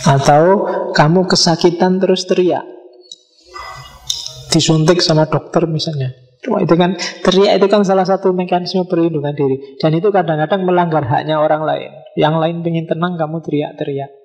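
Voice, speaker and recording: A man's voice: fairly high pitch, a little mellow, low-quality recording. Man lecturing conversationally. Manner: conversational, explains with everyday examples, acts out little dialogues. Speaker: philosophy lecturer. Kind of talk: relaxed philosophy lecture.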